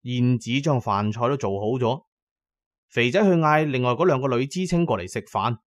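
A man narrates a scripted first-person story in a dramatic storytelling style, voicing the characters' lines. His voice sits at a medium pitch and sounds animated, moving at a normal speed with no echo.

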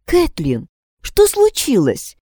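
A woman reading an audiobook, voicing a kind teenage schoolgirl who gently coaxes a friend. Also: high voice, huge pitch swings, slow, no room sound, studio quality, pitched above the performer's own voice, heavily acted. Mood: coaxing. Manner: gentle, coaxing.

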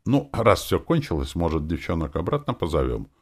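A man's voice: sits low, sing-song, fairly quick, a little mellow, breathy edge, exaggerated voice. Man voicing a growling, gloating demon woman. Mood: mocking. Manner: growling, sardonic. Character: crude, gloating female demon. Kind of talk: audiobook character voice.

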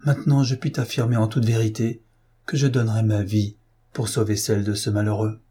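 A man's voice: fairly low pitch, little pitch movement, a little fast, dark tone, slightly rough. A man reading an audiobook, voicing an anguished, tearful young aristocratic wife in a pleading manner. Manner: pleading, sobbing.

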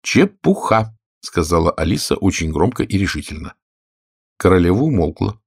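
A man's voice: low voice, a little fast, gravelly, slightly rough, no room sound, studio quality. A man reading a fairy tale as an audiobook narrator, telling it expressively. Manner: expressive, lively storytelling. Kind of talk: scripted storybook narration.

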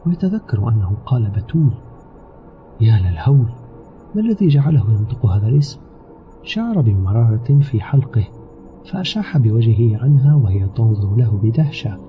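A man narrating an audio novel in a steady, measured storytelling manner. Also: lowish voice. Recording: slightly dull recording with background music. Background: soft music.

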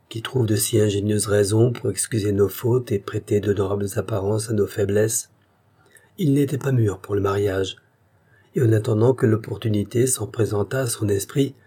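Male narrator, measured literary reading, dark mellow tone with a husky edge. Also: on the low side. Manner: measured storytelling.

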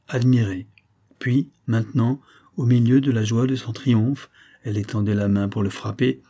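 A man reading a classic novella aloud in a measured, dramatic style. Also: medium pitch, warm tone. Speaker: audiobook reader. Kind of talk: scripted narration of a classic novella.

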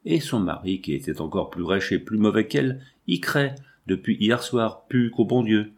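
A man's voice: lowish voice, expressive, normal speed. A man voicing a sinister, scheming peasant shepherd in a storybook reading, with taunting, half-threatening calls. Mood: menacing.

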